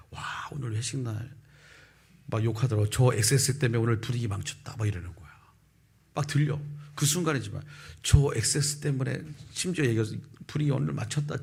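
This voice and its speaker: A male pastor in his fifties preaching a sermon and telling a personal testimony, with lively storytelling that acts out the people in it. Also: medium pitch, vocal fry, slightly rough. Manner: animated storytelling, acting out quoted voices. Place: church sanctuary.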